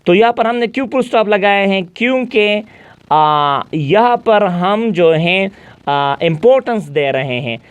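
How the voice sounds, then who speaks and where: A man teaching an English grammar lesson in a mixed Hindi-Urdu and English speech. He reads his English examples out slowly and keeps checking back with the class. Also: high-pitched, expressive, clean tone. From Pakistan. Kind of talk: classroom lecture.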